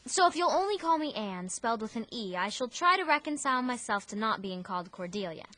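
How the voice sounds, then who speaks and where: A woman's voice: a little high, sing-song, a little fast, sharp tone. A woman playing Anne Shirley, an effusive orphan girl. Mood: pleading, earnest. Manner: breathless, effusive, theatrical. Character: talkative imaginative orphan girl, dramatic, romantic. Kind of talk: audio drama acting.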